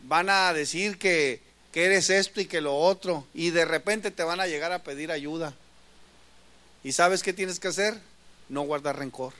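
A male pastor preaching a sermon, swinging from loud emphatic lines to soft asides. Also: fairly high pitch, unhurried.

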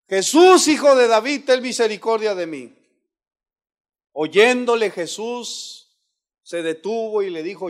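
Impassioned preacher, high voice. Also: male voice. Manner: impassioned preaching with rising shouts and sudden hushed asides. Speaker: pastor. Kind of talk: sermon.

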